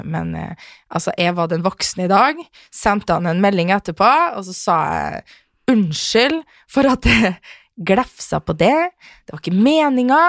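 A woman co-hosting a casual podcast chat, talking animatedly and acting out quarrels in a shrill voice. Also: no echo, studio quality. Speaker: podcast co-host.

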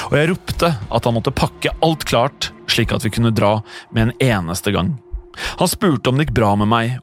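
A man reading a first-person horror story aloud in a tense, hushed storytelling manner for a podcast. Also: mid-range voice.

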